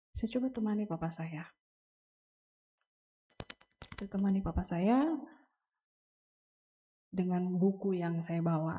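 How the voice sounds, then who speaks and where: A young woman giving an earnest, halting personal testimony to a congregation at a memorial service, speaking straight to the listeners. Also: fairly low pitch, mellow. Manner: earnest, halting, addresses listeners as Bapak Ibu. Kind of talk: emotional spoken testimony to a congregation.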